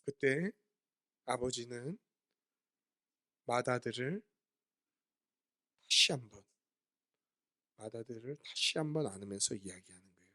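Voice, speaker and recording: A man's voice: mid-range voice, measured pace, pauses often, pushed and bright. A man preaching a sermon as pastor, asking his listeners questions and answering them himself while explaining words from the Greek Bible.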